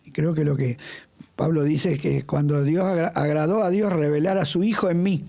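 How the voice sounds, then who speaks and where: A man's voice: a little high, moderate pace, creaky, dark tone. A man co-hosting a church Bible study conversation, reflective and explaining ideas step by step.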